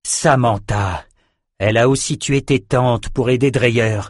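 A man's voice: mid-range voice, measured pace, no echo, natural voice. The narrator plays a serious man breaking bad news, firm and apologetic. Mid-range voice close to his own. Dry, close recording. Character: grave man delivering hard truths. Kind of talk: audiobook character voice.

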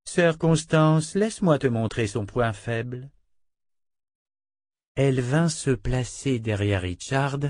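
A man's voice: no room sound, studio quality. A man narrating an audiobook, reading every part himself and lifting his voice for the women. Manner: reads all parts, lifting pitch for the women's lines.

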